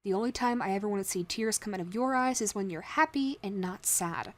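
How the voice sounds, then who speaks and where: A woman voice actor playing a caring young woman friend who comforts the listener in an audio role-play, speaking in a soothing, protective and gently teasing way. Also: medium pitch, fairly quick, natural voice. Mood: consoling.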